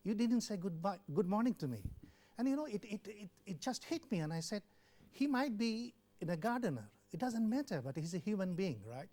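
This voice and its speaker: Telling his life story in an interview, an elderly Bangladeshi man who was a WHO country representative sounds warm, high-pitched and fairly fast, his pitch swinging widely. He is earnest throughout, repeating words and dramatizing remembered conversations.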